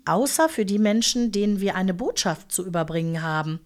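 A woman's voice: mid-range voice, lively intonation, brisk, close to an everyday voice. Woman playing a teasing angel in leathers. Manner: gentle, familiar and amused, sometimes whispered. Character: tall, calm, teasing female angel in biker leathers.

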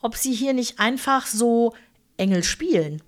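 A woman's voice: on the high side, lively intonation, measured pace, pitched above the performer's own voice. A woman voicing a fussy, pedantic middle-aged bookkeeper, stiff, formal and easily indignant. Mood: flustered.

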